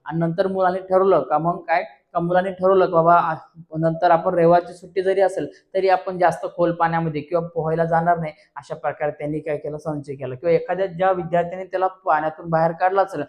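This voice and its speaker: A man's voice: a little high, level tone, fast talker, dull audio. A man teacher with a Marathi accent explaining an exam paper step by step, repeatedly asking and answering his own questions. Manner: repeats questions back, addresses friends.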